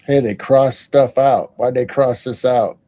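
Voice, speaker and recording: Guy hosting a late night stream, dark mellow voice, kinda halting, thinks out loud. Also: mid-range voice, fairly even intonation. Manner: thinking aloud, halting, with restarts. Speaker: stream host. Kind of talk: casual live-stream chat.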